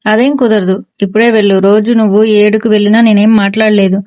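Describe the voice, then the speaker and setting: A woman voicing a stern, middle-aged police officer father who scolds and shouts orders at his son, in a storybook reading. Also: mid-range voice, little pitch movement, quick pace, close to an everyday voice. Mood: scolding.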